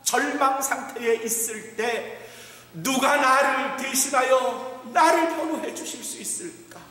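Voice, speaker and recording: A man's voice: very high-pitched, sharp tone, far from the mic. A male pastor preaching a sermon with dramatic storytelling and rhetorical questions, recorded in an echoey church hall.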